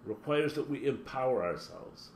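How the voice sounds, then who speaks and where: In a mid-range, creaky, lively voice at a moderate tempo, a spiritual teacher gives an impassioned motivational talk, working through long enumerations. The recording sounds echoey, with a soft hum behind it.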